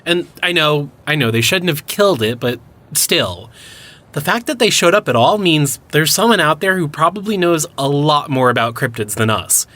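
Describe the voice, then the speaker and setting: A man's voice: a little high, animated, normal speed, sharp tone. An actor playing an enthusiastic young male cryptid hunter who explains things eagerly in an audio drama. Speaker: lead character.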